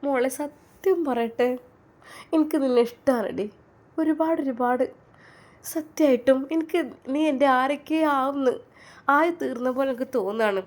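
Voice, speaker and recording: A woman's voice: high-pitched, moderate pace, pauses often, voice pushed up, close to an everyday voice. A woman voicing a tender young woman, pleading and close to tears in a storybook tale. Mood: tearful. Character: tender young woman, emotional elder sister.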